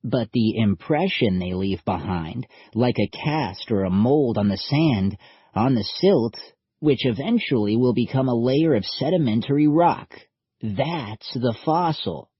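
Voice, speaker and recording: A husky-voiced man voicing a patient, slightly patronizing male scientist who explains things in a lecturing way. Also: mid-range voice, expressive, measured pace, no room sound. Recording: dull lo-fi audiobook recording.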